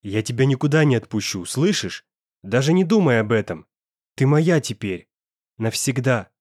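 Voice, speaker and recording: A man's voice: mid-range voice, very animated, moderate pace, darkish tone, no room sound, clean studio sound. A man playing a possessive, hot-tempered young man. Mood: passionate. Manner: pressing, emphatic.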